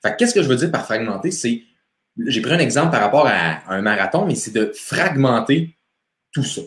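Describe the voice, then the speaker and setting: Lively Quebec French man, echoey room. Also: mid-range voice, brisk. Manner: chatty, greets viewers by name, laughs easily. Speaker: motivation coach hosting a live stream. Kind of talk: casual live-stream chat.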